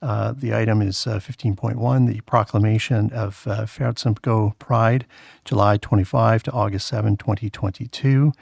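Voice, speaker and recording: A man chairing a town council meeting, calling votes in a halting way with many filler sounds. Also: lowish voice, fairly even intonation, gravelly, darkish tone, husky, no room sound, clean studio sound.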